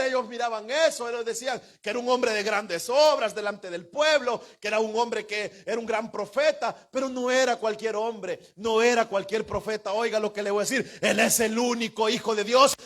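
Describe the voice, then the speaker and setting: A man who is a pastor, preaching a fervent sermon, swinging between shouted lines and hushed asides. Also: high-pitched, moderate pace, hardly any pauses.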